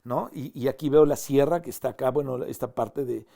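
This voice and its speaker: A man's voice: medium pitch, brisk, creaky, warm tone. A man with a Mexican Spanish accent preaching a sermon outdoors to a camera, rising emphatically on quoted verses and often repeating his first words. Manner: frequent fillers and repeated starts. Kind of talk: sermon on a psalm. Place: outdoors at dusk with mountains in view. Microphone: facing a camera.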